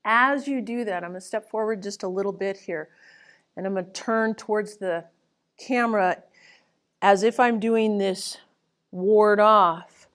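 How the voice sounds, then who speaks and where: Female tai chi instructor, unhurried delivery, calm and gentle cueing, mid-range voice. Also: medium pitch. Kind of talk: instructional movement lesson, spoken cues.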